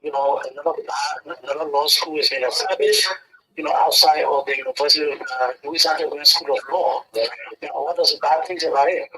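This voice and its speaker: A man's voice: on the high side, brisk, crowd noise. A man calling in to a radio talk show, speaking hesitantly with fillers over a clipped phone line. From Liberia. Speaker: radio call-in caller. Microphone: telephone.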